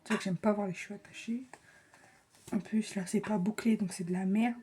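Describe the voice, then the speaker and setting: Husky young woman vlogging. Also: mid-range voice, steady tone, fairly quick, warm tone. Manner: chatty, self-mocking, often drops to a whisper. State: flustered and rushed. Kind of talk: casual vlog chat.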